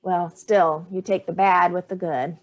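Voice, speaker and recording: In a staged play reading, an actress voices Sallie, a sharp-tongued older mother with a taste for cocktails and a dry, cutting manner. Her voice is fairly low and steady, measured in pace and lightly acted.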